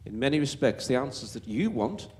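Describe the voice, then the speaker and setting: A man's voice: medium pitch, big pitch swings, brisk, darkish tone, slight background noise. A man with a Wolverhampton accent answering as a panel speaker at a public Q&A, emphatic and stumbling over repeated words.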